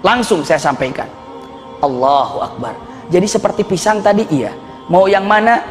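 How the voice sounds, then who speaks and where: A middle-aged man preaching a lively sermon full of stories, animated and often laughing, his voice leaping up for emphasis. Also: high voice, moderate pace. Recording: reverberant hall with faint music.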